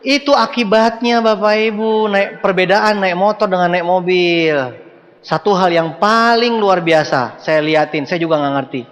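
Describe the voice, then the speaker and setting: A man giving a motivational seminar talk to a live audience, animated and joking, speaking to them directly. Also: high-pitched, moderate pace. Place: large hall with audience. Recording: long hall reverb.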